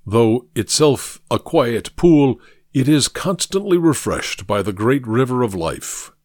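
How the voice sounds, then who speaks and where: A booming, self-satisfied fat gentleman holds court in a grand, patronizing tone, as a male audiobook reader puts him on. His voice swings widely up and down as he lectures, and the recording is close and dry. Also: sing-song, slow pace, dry recording. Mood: genial, patronizing. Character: fat, genial, pompous older gentleman who lectures. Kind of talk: audiobook character voice.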